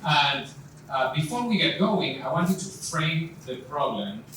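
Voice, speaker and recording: At an event venue, a man with a fairly high, sing-song, sharp-toned voice moderates a live panel a little slowly, full of fillers and restarts. The recording is distant and echoey, with faint noise.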